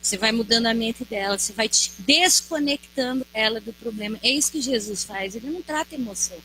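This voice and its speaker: A woman preaching a sermon, animated and acting out the voices she quotes while addressing the congregation as brothers and sisters. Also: a little high, a little fast, a little hiss or hum, poor audio.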